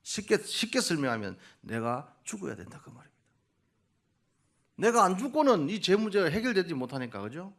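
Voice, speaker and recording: Lively higher-voiced man preaching a sermon. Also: fairly quick, creaky. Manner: quizzes the congregation and coaxes answers; lively, builds to loud emphatic peaks. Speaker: missionary preacher. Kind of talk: Sunday morning sermon.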